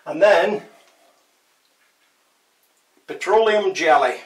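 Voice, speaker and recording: An older man presents a DIY tutorial in a small tiled bathroom shower, speaking in a high-pitched voice at an extremely slow pace. His hands-on how-to is casual, chatty and wry, full of self-deprecating humour. The tiles give a roomy echo, and the mic is distant.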